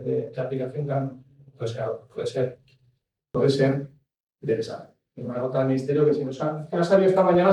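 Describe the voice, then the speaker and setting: Speaking about packaging regulation, this man has a medium-pitched, dark voice and a habit of restarting and adding asides as he rambles through his expert talk. The recording comes from a far-off mic in an echoey room, with a little hiss or hum.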